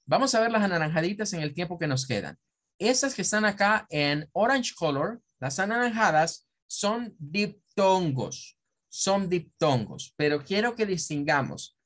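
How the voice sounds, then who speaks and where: Guy teaching english vowel sounds, talks real slow, says every example sound again and again. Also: high-pitched, animated, a bit bright. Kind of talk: classroom pronunciation lesson.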